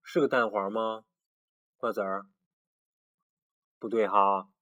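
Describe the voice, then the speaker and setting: A man reading a picture storybook aloud to a child in a relaxed way, often stopping to ask the listener questions. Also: on the low side, slow, dull audio. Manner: chatty, stops to quiz the listener. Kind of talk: casual read-aloud storytelling.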